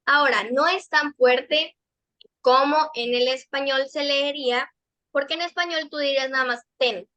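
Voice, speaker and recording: A woman's voice: high-pitched, steady tone, moderate pace, bright, forceful tone. A woman English teacher giving a patient pronunciation lesson to kids and teens, explaining step by step and repeating the model words.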